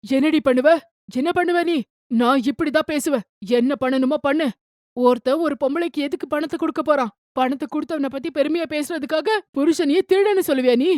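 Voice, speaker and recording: A woman's voice: high-pitched, brisk, darkish tone, no room sound, studio quality, close to an everyday voice. A woman voicing a harsh, accusing older mother-in-law in a cartoon story, taunting and insulting. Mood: scornful.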